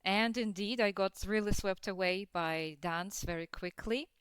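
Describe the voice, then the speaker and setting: A young adult woman from Russia, a dance teacher, is a guest on a casual podcast interview, talking hesitantly with many fillers and frequent laughs. Her mid-range voice is smooth and fairly bright, a little slow, and recorded dry.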